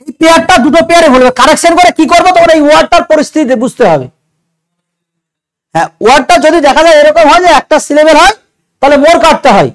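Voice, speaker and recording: Man, very high voice, fast-paced, grammar lecture, step-by-step explanations, rhetorical questions. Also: rough recording. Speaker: grammar teacher. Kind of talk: exam doubt-clearing lecture.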